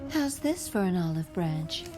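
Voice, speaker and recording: Sultry, slow-talking bat thief. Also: female voice, on the low side, very animated. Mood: flirtatious, sly. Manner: flirtatious, sardonic, unhurried. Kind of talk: audio drama acting. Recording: music bed under the voice.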